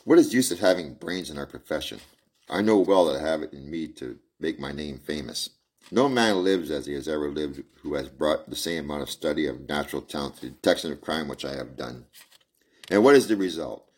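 A man's voice: extremely low pitch, lively intonation, fairly quick, a little mellow, husky, full character voice. A man reading as a scornful, conceited detective. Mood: complaining. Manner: scornful, lecturing.

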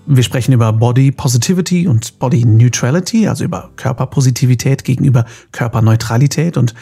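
A man in his thirties with a husky, unclear edge to his voice. He hosts a relaxed podcast and chats casually, with a playful streak of self-deprecation. His pitch sits in an ordinary middle range. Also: fast. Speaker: podcast host. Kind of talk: casual conversational podcast talk.

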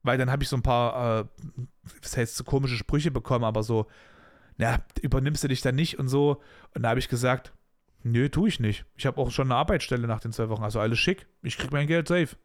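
A man's voice: mid-range voice, a little fast. A man hosting a podcast, bluntly and animatedly telling a story from his own working life in casual, colloquial talk. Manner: blunt, animated retelling of a workplace dispute with colloquial asides. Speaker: podcast host.

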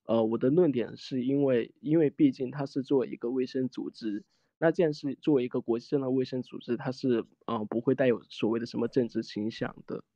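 A man's voice: mid-range voice, brisk, mellow, no room sound, lo-fi sound. A man in a heated online debate, hesitant and defensive. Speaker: debate participant.

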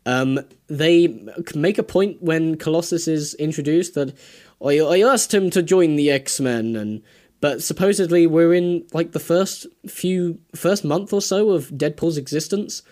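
A man's voice: fairly high pitch, unhurried, a little mellow. A man with a British accent in a casual film discussion, speaking hesitantly and politely qualifying his points. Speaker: podcast panelist.

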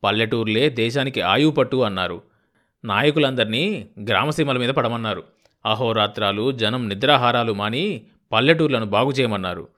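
A man's voice: medium pitch, normal speed, a bit bright, close to an everyday voice. A male narrator voicing a persuasive, argumentative village man who lectures about voting and self-rule. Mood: lecturing.

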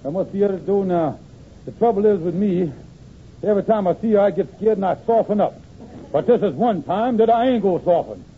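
High voiced blustery henpecked schemer husband, old radio comedy, tinny noisy am recording. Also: male voice, animated, a little fast. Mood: muttering, uneasy. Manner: blustering, folksy ungrammatical dialect speech. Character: blustering, henpecked lodge-leader husband, scheming and easily cowed. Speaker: comic actor.

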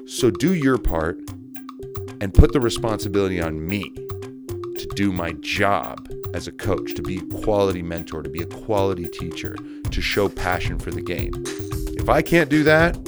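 A man coaching youth sports, giving an earnest, emphatic solo podcast rant with words repeated for stress. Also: on the low side.

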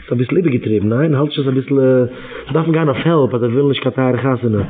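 A man's voice: medium pitch, quick pace, breathy edge. A man giving an informal religious talk, exhorting his listeners and repeating his phrases again and again. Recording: tinny phone-like radio recording.

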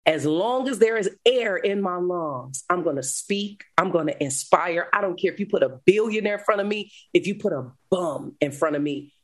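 A woman guest speaker telling her life story in an interview, animated, laughing often, moving between loud and hushed. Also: fairly low pitch, normal speed, hardly any pauses. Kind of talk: emotional storytelling.

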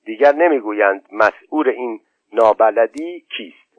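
A man's voice: fairly low pitch, animated, dry recording, lo-fi sound. A man voicing a proud, angry man who scolds and mocks a younger guest in a storybook reading. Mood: lecturing. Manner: stern, scolding and sarcastic.

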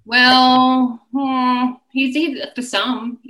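A woman's voice: high-pitched, level tone, drawn-out words, bright, forceful tone, low-quality recording. A woman in her early forties, a guest author frankly telling a personal story and acting out the voices of people she quotes. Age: early 40s.

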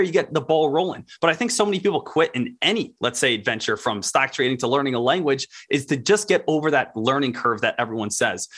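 A man's voice: on the high side, a bit bright. A man on a casual podcast, explaining things earnestly with lots of fillers.

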